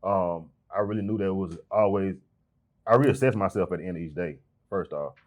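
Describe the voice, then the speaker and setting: Guest, male, very low voice, quick, plainspoken and casual. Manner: relaxed, conversational, acts out voices when telling stories. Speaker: freight broker, podcast guest. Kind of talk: casual interview talk.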